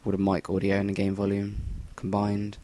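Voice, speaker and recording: A man's voice: on the low side, monotone, moderate pace, dark tone. A young English man giving rambling, sweary voice-over commentary on a shooter game into a cheap USB mic. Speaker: gameplay commentator. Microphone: Rock Band USB mic.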